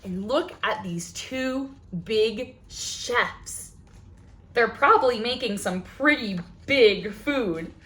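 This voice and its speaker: Slow and somewhat bright, a woman with a higher voice hosts library storytime for children. She reads expressively from a picture book, asking questions and voicing amazement for the little ones.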